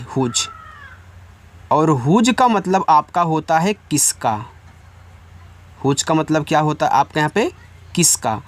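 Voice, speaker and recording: A man teaching beginners, patiently spelling out words letter by letter and repeating each meaning for his students, reading example sentences slowly. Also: sits high. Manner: addresses viewers as students; reads English examples slowly and carefully. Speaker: English teacher.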